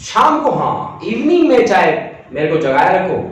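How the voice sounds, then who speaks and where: A man's voice: high-pitched, big pitch swings, a little slow. A male physics teacher giving an online class lecture, chatty, reading out student comments and making joking asides. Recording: distant mic in echoey room, faint noise.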